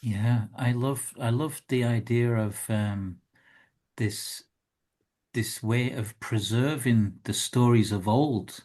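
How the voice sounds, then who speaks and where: Male interviewer, medium pitch, thoughtful, reflective, conversational, searching for words. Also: slow, darkish tone.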